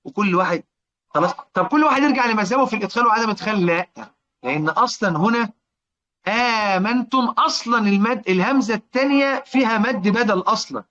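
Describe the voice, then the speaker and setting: Egyptian man, high voice, recitation teacher, repeats and checks in with listeners, slightly dull lo-fi sound. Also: bright, forceful tone. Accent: Egyptian Arabic. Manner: repetitive, quizzing listeners, chants verse slowly. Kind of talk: explanatory lesson on Quranic reading rules.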